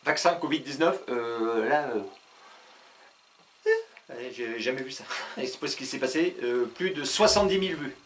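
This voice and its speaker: A man hosting his own video channel in a casual comic monologue, rambling with many hesitations and frequent chuckles. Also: mid-range voice. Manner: talks fast.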